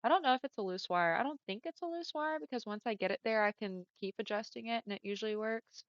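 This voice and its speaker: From home, a young woman livestreams and chats with viewers in a friendly, easygoing way, laughing often and speaking at a quick pace. Her smooth voice runs deeper than usual for a woman. A dull headset mic gives it a dry, close sound with no room sound at all.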